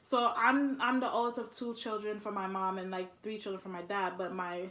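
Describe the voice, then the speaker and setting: A woman in her early 20s, born in Haiti and moved to the United States at four, chats candidly as a vlog host and college student. Her medium-pitched, level voice is a little fast and a bit bright, in an echoey room.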